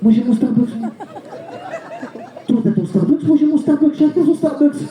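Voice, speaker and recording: A man's voice: extremely high pitch, moderate pace, warm tone, slight background noise, voice pushed up. A man voicing a stubborn, cheeky man who bickers in a cocky, insistent way. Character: stubborn cheeky man arguing his case. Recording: echoey live venue with crowd.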